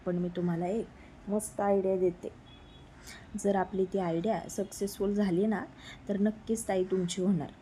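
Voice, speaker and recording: A woman's voice: mid-range voice, fairly even intonation, normal speed, mellow, a little hiss or hum, natural voice. A woman voicing a playful, teasing younger sister who plots a matchmaking scheme, in a spoken romance story.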